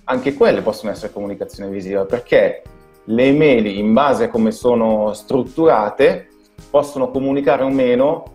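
A man with an Italian accent, a guest designer, explaining things in a halting way that repeats words over a video call. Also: mid-range voice, a little mellow, soft background music. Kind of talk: casual video call interview.

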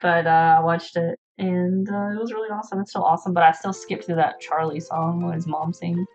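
A woman co-hosting a game let's play, chatting in a relaxed way while she plays. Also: on the low side, a little fast, muffled recording, soft background music. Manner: relaxed, chatty, laughs easily. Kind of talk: casual chat over gameplay.

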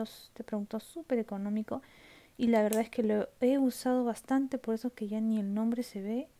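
A beauty vlogger with a fairly high, dark-toned voice casually shows off her makeup collection from home. She's chatty, often checks in with her viewers, and sometimes drops to a whisper.

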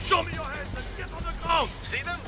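An actor playing a brash, excitable heist crook in a video game, with cocky, shouty arcade game barks. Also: male voice, extremely high pitch, moderate pace. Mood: excited, cocky. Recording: loud game music behind.

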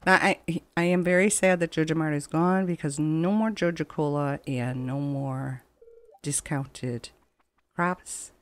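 Game music plays under a woman's low, fairly even voice as she narrates game footage at a measured pace. She runs a gaming channel, and her let's play talk wanders along in a relaxed, conversational manner.

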